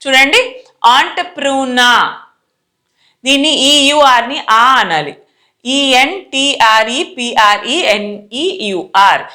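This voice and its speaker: A woman with a Telugu accent teaching English pronunciation slowly, spelling words letter by letter and repeating them for her viewers. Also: high voice, very animated, sharp tone. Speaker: spoken English tutor. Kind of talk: slow classroom pronunciation lesson. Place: indoor teaching setup with a screen.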